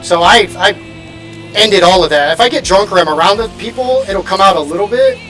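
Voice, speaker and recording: A man from Indiana chatting quickly and casually while sim racing on stream, laughing often. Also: high-pitched, lively intonation, fairly bright tone, rough recording. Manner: fast-talking, laughs often. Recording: music playing in background.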